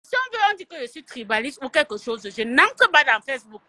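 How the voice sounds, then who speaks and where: A woman with a Cameroonian French accent rants on a live stream, taunting and picking a fight while mixing in Italian. Her voice is high and swings widely in pitch. The sound is close and dry, from a phone held near her. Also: very animated, a little fast, bright, forceful tone, no echo. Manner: taunting and confrontational, slipping into Italian. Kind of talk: heated live-stream rant. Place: at home in Italy.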